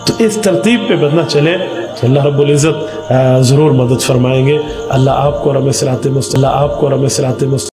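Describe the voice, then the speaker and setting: A man's voice: mid-range voice, reverberant, over music. A man preaching a sermon, speaking with impassioned emphasis that rises and falls.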